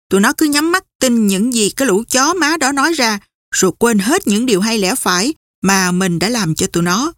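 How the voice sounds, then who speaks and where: A woman reading a brash young man on the run who talks fast and swears often, in an audiobook. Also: mid-range voice, dry recording, clean studio sound, natural voice. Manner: rough, swearing, hurried.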